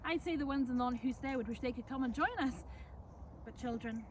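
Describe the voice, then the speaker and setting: A woman's voice: sits high, brisk, distant mic, a little hiss or hum, lightly acted. A woman playing a chatty, folksy servant of centuries past, telling visitors a tale in an Ulster Scots accent. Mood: fond, excited. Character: chatty, welcoming servant woman of a 17th-century Irish estate. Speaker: costumed storyteller. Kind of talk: in-character historical storytelling to visitors. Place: outdoors in front of a house.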